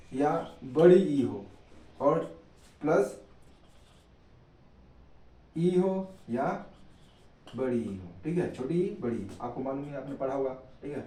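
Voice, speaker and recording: A man's voice: on the high side, dark tone. Distant echoey man teaching grammar. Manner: repeats questions and answers, checks in often. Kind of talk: Hindi grammar lesson.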